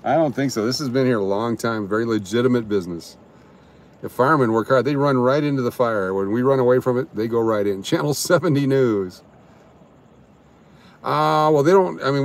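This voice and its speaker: A man hosting a live stream outdoors on a downtown street. He gives casual commentary on what is going on around him and reads out viewer comments. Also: medium pitch. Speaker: livestream host.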